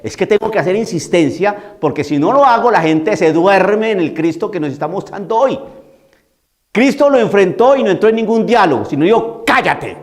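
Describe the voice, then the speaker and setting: A priest giving an emphatic homily, repeating key phrases and asking rhetorical questions. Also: male voice, high voice, animated, moderate pace, a little mellow.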